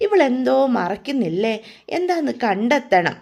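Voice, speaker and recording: A woman voicing a suspicious, prying woman in a family household, speaking low and muttering to herself. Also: very animated, moderate pace, vocal fry, darkish tone, full character voice. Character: suspicious older sister-in-law, prying.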